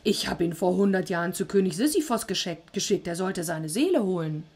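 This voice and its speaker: A woman's voice: lowish voice, lively intonation, fairly quick, breathy edge. A woman doing Zeus, short-tempered king of the gods. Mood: commanding. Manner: commanding, growing loud. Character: mighty, quick-tempered male king of the gods.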